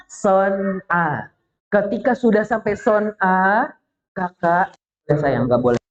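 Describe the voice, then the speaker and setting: A woman teaching children through an animated, playful story, often stopping to quiz them. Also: mid-range voice. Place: mosque. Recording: dull lo-fi recording.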